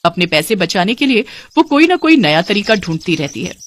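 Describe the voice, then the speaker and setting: A woman narrating an animated moral story in a plain, even storytelling manner. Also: mid-range voice, brisk.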